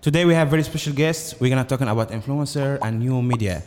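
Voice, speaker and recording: A man's voice: mid-range voice, a little mellow, slight background noise. Man hosting a live interview in a hall. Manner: halting questions with many likes and ums. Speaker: show host. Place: event venue in Dubai.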